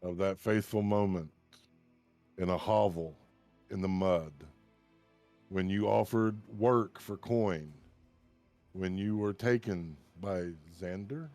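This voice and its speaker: A man narrating a tabletop game as game master, in a slow, solemn storytelling manner. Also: low voice, a little mellow, faint music behind.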